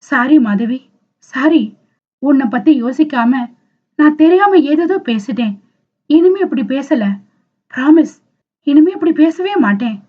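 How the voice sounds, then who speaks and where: A woman's voice: sits high, animated, a little slow, long pauses, narrow, tinny audio. A woman reading the lines of a young man in love who pleads earnestly and tearfully. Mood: pleading.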